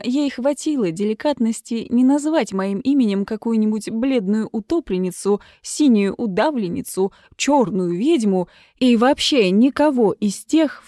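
Female audiobook narrator, expressive comic reading, dry close sound. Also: mid-range voice, dry recording. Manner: lively, expressive reading with acted dialogue.

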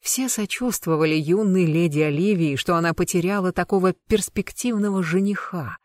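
An audiobook narrator with a measured, even storytelling delivery and a voice of middling pitch. The recording is close and dry, with no room sound at all. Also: no echo. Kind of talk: dark fantasy audiobook narration.

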